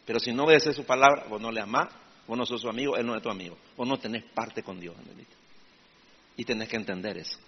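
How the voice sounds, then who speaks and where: Pastor guy preaching, husky, goes loud then quiet, dull lo-fi audio with long hall echo. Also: quick pace. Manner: swings from loud emphatic bursts to low confiding asides, asks "¿me entiendes?". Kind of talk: sermon.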